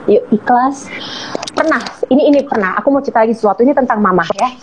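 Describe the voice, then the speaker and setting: A woman telling a heartfelt personal story as an interview guest, earnest and slowing on key words. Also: on the high side. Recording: muffled lo-fi audio with faint hiss.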